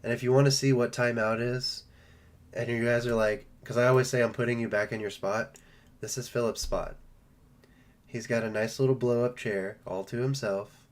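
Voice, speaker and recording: A man's voice: mid-range voice, steady tone, normal speed. A man hosting a live stream, chatting casually and joking while opening trading card packs. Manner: joking, rambling, playful.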